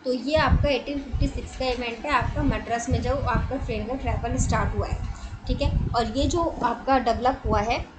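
A woman teaches an online coaching class in a fairly high voice, mixing English words into her explanation. She addresses the students directly and quizzes them as she goes. A clear steady noise runs under the recording. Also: moderate pace.

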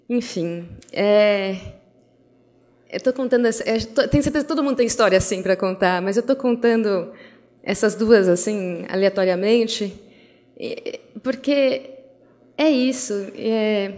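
A middle-aged Brazilian woman giving an opening speech, telling stories about her daughters with lively acted-out voices and many restarts. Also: medium pitch. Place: event hall. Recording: long hall reverb.

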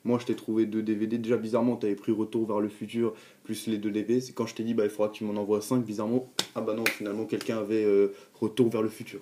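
Young man, eighteen, casual vlog, rambling, aggrieved, dark mellow tone. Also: on the low side, flat delivery, fast talker, hardly any pauses, a little hiss or hum. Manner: aggrieved, rambling, many restarts and fillers. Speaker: vlogger.

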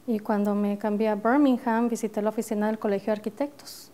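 A middle-aged Mexican architect, guest on a TV studio interview, tells her story quickly and with lively determination. Her mid-range voice carries a northern Mexican Spanish accent shaped by years in the US, picked up on a lapel mic on the studio set.

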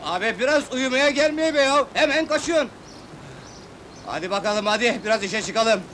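Shrill frantic bear tamer, very high, sharp and jumpy, old film audio. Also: male voice, animated, normal speed, slight background noise. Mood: bossy. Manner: shouting, frantic.

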